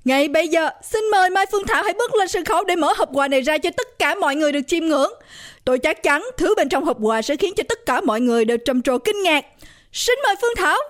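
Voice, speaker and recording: Woman reading male emcee, loud, showy, high-set announcer voice. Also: animated, quick pace. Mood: announcing. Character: bold male party emcee.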